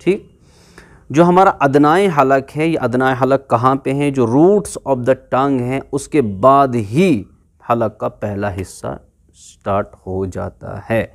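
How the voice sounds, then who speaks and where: Slow-talking man teaching letter sounds. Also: medium pitch. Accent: Urdu-speaking. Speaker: Quran recitation teacher. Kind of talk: slow explanatory lesson on letter pronunciation.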